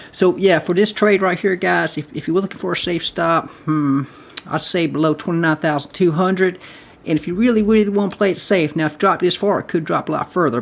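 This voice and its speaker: A man hosting a casual trading video, rambling through chart commentary, repeating himself and calling his viewers guys. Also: fairly high pitch. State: short of breath. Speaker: crypto trading video host.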